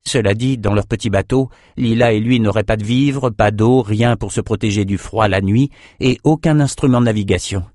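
A man narrating an audiobook in a steady, measured voice. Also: fairly low pitch, dry recording, studio quality.

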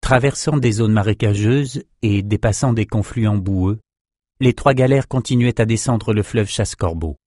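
A man reads a fantasy novel aloud in a steady, measured way. His voice sits low for a man. The sound is dry and close, with no room around it. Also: no echo. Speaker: audiobook narrator. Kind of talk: scripted narration.

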